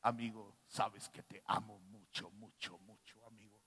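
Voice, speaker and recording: Brief: man imitating fond male pal, low and slow, gushing, hall echo. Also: little pitch movement, sharp tone, breathy edge, exaggerated voice. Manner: slow, drawn-out, repeating itself tenderly. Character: doting adult male friend, gushing with slow affection.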